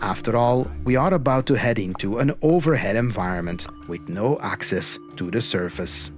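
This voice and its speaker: A man narrating an expedition documentary in a measured, reflective and earnest way, as its host. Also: fairly low pitch, animated. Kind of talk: scripted documentary-style narration. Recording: music behind the voice. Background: music.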